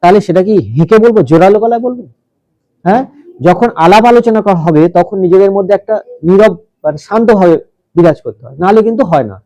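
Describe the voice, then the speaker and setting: Male teacher, high voice, classroom grammar lesson, explains step by step and quizzes students, dry close sound. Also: quick pace, dark tone, dry recording, low-quality recording.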